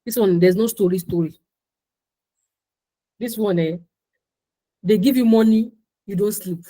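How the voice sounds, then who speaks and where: A woman talks founders through raising money. She speaks informally and with emphasis, repeating herself and restarting her sentences. Her pitch sits in a middle range. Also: unhurried, mellow, poor audio. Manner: repetitive, emphatic, laughs at her own points. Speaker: speaker on business funding. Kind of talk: informal talk to entrepreneurs.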